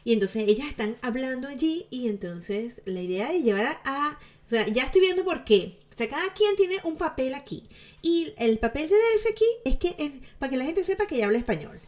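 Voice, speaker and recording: Woman vlogging celeb gossip, kinda high voice, chatty and sarcastic, laughs a lot. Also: brisk. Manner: chatty, lively, laughs often, sarcastic asides. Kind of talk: casual commentary to viewers.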